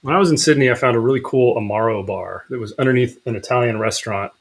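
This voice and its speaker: A man's voice: medium pitch, fast talker, breathy edge. A man co-hosting a whiskey tasting livestream, chatting casually, reading out viewer comments and laughing often. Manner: rambling, reads out viewer chat, laughs often. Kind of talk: casual chat.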